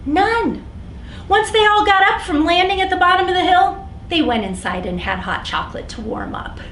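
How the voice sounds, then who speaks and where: An American woman with an extremely high, animated voice hosts an interactive story time for young children, speaking simply at a normal speed. The recording has a roomy echo and some background noise.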